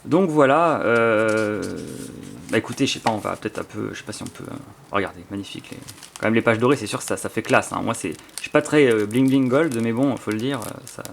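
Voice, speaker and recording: A man's voice: fairly low pitch, a little fast, creaky, slight background noise. A man with a French accent chatting casually and enthusiastically as he unboxes and leafs through a book, rambling with many fillers and restarts. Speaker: YouTuber presenting his book collection. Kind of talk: casual spontaneous unboxing chat.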